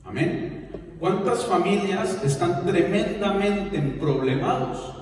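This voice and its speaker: A man preaching a lively sermon as pastor, mixing teaching with playful impressions. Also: high-pitched, slow, a little hiss or hum. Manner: emphatic preaching with playful impressions and stutter mimicry. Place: church hall. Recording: echoey hall, voice from far off.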